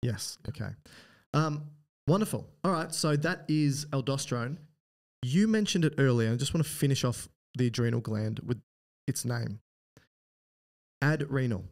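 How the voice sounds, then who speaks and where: An Australian man co-hosting a medical podcast in a loose, playful chat. His voice sits at a middle pitch, and he explains through vivid little scenarios. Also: animated, normal speed, a little mellow. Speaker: podcast co-host, doctor. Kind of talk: casual educational chat.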